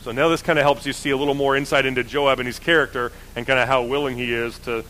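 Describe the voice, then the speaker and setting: A man's voice: medium pitch, fairly even intonation, fast talker, bright, forceful tone, slight background noise, poor audio. A man teaching the Bible in a casual, conversational way, often correcting himself. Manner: conversational, self-correcting, many fillers.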